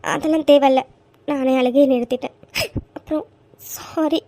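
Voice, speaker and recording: A performer voicing a young injured wife in a cartoon love story, soft, pleading and apologetic. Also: sits high, fairly even intonation, normal speed, gravelly, a little hiss or hum. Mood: subdued. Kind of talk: cartoon voice acting.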